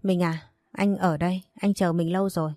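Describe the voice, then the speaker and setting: A woman's voice: lowish voice, fairly even intonation, normal speed, dry recording, studio quality, faint music behind, natural voice. Woman voicing a tender young husband. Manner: gentle, loving.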